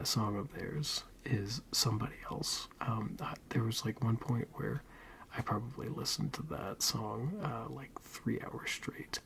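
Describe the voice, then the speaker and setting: A man giving a soft-spoken ASMR ramble in a breathy, mostly whispered voice, soothing and hesitant. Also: mid-range voice, a little hiss or hum. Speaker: ASMR video creator.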